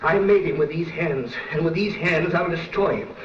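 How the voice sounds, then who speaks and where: An actor playing a grimly determined young scientist in 1930s film acting. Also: male voice, a little high, normal speed, lo-fi sound, natural voice. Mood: grim resolve. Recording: echoey, distant, noisy old film soundtrack.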